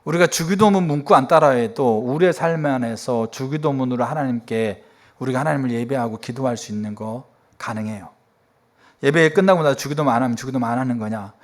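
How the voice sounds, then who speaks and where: A middle-aged male pastor preaching a sermon in a church, telling stories and acting out quoted dialogue with sudden jumps in his voice. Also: fairly quick. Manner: animated storytelling, acting out quoted dialogue with sharp pitch jumps. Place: church sanctuary.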